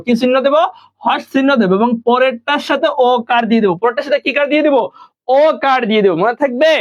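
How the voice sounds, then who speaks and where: A man from Bangladesh teaching an online class, patiently repeating each point and quizzing his students. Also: extremely high pitch. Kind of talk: online live class lesson. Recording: dull lo-fi recording.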